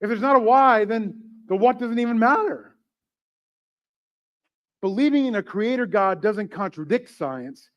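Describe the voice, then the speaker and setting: A man's voice: high voice, expressive, a little slow, long pauses, highs cut off. A man preaching as pastor to his church, chatty and joking, asking the congregation questions. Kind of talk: sermon.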